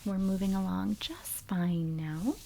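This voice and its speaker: A woman doing an ASMR role-play as a calm, gentle foot doctor, explaining each step softly and methodically in a breathy soft voice. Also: mid-range voice, measured pace, slight background noise.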